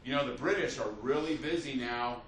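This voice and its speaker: With brisk delivery and a somewhat bright, medium-pitched voice, a man teaches history off the cuff, narrating it like a story amid many fillers and restarts. The room is echoey, the mic is distant, and there's a faint hiss or hum.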